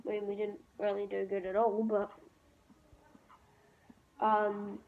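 A woman's voice: mid-range voice, completely flat delivery, slow pace, vocal fry. A woman hosting a casual mobile game pack-opening video, chatting in a rambling way to her viewers. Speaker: mobile game channel host. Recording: tinny phone-like audio with faint hiss.

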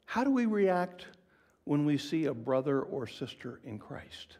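A male preacher delivering a sermon with a slightly higher voice that swings widely in pitch. His tone is husky and breathy. He keeps it conversational, asks his listeners questions and often sinks to a hushed whisper to stress a point. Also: a little slow. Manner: expressive, often dropping to a whisper for emphasis.

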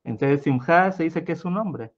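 A man's voice: fairly high pitch, animated, normal speed, dull audio. A man telling a story casually as a guest, meandering with fillers and acting out the voices. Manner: meandering, lots of fillers and restarts, acts out voices.

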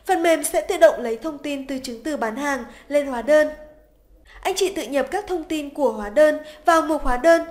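High-voiced woman narrating a software tutorial. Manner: polite, even, step-by-step instructional. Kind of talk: scripted narration. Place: voice-over over screen recording.

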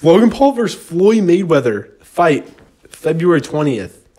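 A man's voice: fairly high pitch, big pitch swings, measured pace, dark tone, husky. A young man hosting a podcast, talking loosely among friends, swearing and laughing often. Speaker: podcast host. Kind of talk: casual chat.

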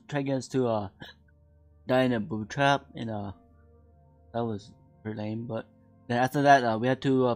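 Rambling man commentating a game. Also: medium pitch. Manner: rambling, many filler pauses. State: hiccuping. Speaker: gaming channel host. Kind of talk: casual let's play commentary.

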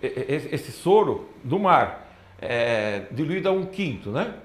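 Here a man with a slightly high voice lectures at a measured pace, pointing at slides as he goes. His manner is animated, full of repeated "ó, olha só," and the hall acoustics are roomy.

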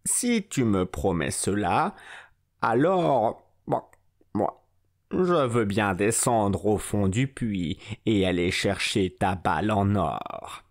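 A man voicing a grave male frog king in a storybook reading, with a drawn-out, sweeping delivery. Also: on the low side, animated.

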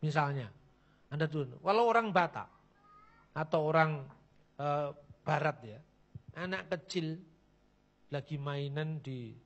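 Pastor guy, high voice, preaching blunt and mocking, tells lots of stories. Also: muffled recording. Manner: animated, mocking, blunt, switches into Javanese phrases. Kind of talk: sermon with anecdotes.

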